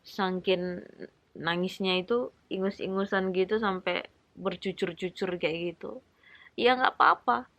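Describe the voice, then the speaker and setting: A woman shares a casual devotional talk in a bright, clear voice. She sounds close and dry, with no room around her. She encourages her listeners and acts out little prayers as she goes. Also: on the low side, fairly even intonation, a little slow, pauses often, no echo. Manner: warm encouraging, conversational, acts out short prayers. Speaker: Bible study vlogger.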